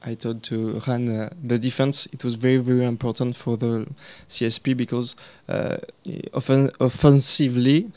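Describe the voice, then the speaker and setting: Halting French-accented male player. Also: medium pitch, flat delivery, a little mellow, clean tone, no room sound. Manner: halting, searching for words. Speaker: basketball player.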